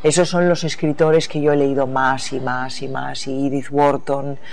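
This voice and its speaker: A woman's voice: a bass voice, level tone, normal speed, creaky, darkish tone, slight background noise. A woman from the United States, a novelist in an interview, talking about her reading and writing in a thoughtful, searching way that often trails off and restarts. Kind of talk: reflective interview talk.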